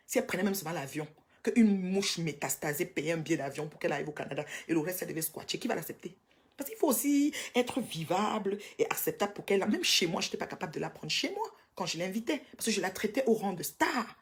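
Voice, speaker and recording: Woman, angry livestream rant; scolding, mocking, with sharp high-pitched bursts. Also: big pitch swings, quick pace.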